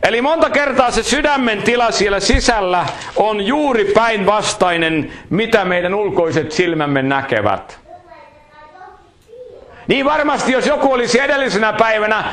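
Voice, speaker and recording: A man's voice: high-pitched, animated, fairly bright tone, reverberant. A man preaching a sermon, telling folksy anecdotes with humor.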